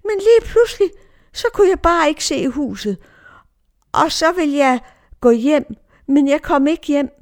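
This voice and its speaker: A woman's voice: sits high, animated, pauses often, voice pushed up. A woman voicing a four-year-old girl who innocently explains how she got lost. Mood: earnest. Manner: innocent, plain recounting. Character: little girl of four, earnest and tired.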